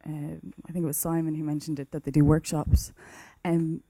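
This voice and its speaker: A woman's voice: sits low, level tone, moderate pace, dark tone, no echo. A woman with a west of Ireland accent speaking up from the floor at a conference in a nervous, hesitant manner. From Galway, west of Ireland. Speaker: arts facilitator and teacher.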